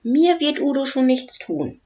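A cheeky little dragon boy talks brightly, at times in a hiss, as a woman reads him. The pace is slow and the sound slightly muffled. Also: high-pitched, sing-song, pitched above the performer's own voice. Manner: hissing and whispering at times, cheeky. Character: small clever young dragon boy, cheeky.

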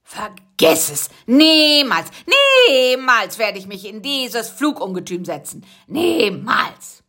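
A woman's voice: a little high, expressive, a little slow, a bit bright, slightly rough, voice pushed up, exaggerated voice. A woman voicing a timid, always-hungry male spider in a storybook reading. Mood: fretful. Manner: fearful, whiny.

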